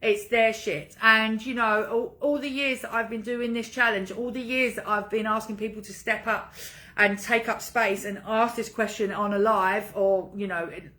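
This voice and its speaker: A woman with a very bright, fairly high voice speaks as a coach to her online group. She talks casually, as on a livestream, in an informal pep-talk manner, pressing her points with repetition. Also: fairly even intonation, normal speed.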